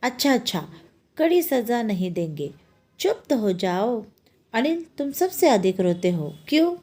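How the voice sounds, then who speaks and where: Woman doing a bossy storybook night queen, judge, scolding; slow, lively pitch. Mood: soothing. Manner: scolding, commanding. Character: stern female night queen acting as judge.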